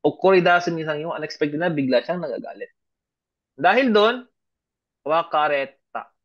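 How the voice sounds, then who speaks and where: Patient male language teacher, slightly high voice. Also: lively intonation, brisk, fairly bright tone. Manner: patient, keeps checking understanding; mixes English and Japanese examples into his explanations. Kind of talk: online grammar lesson. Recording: dull lo-fi audio.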